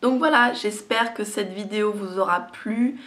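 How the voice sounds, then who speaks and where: Slightly hoarse woman vlogger, voice giving out. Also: mid-range voice, normal speed, a bit bright. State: slightly hoarse, cracked voice that gives out. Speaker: beauty vlogger. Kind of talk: casual product chat to viewers.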